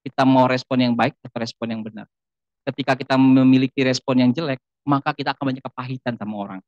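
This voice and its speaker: A man's voice: medium pitch, fairly even intonation, quick pace, a little mellow, no room sound, highs cut off. A man preaches a sermon as a guest pastor. He talks in a loose, conversational way and tells personal stories. He keeps turning to the congregation with rhetorical questions.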